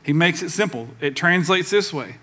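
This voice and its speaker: A man preaching with a somewhat high voice, pressing each point hard and asking the congregation to answer back. He mixes firm sermon lines with loose, offhand asides. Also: expressive, normal speed, bright, forceful tone. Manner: emphatic, calls for congregation response; conversational with casual asides. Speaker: pastor.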